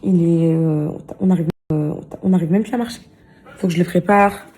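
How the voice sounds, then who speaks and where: A woman's voice: on the low side, steady tone, moderate pace, warm tone. A tired young woman chatting casually to her phone camera at home, talking fondly to her viewers with lots of fillers. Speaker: vlogger.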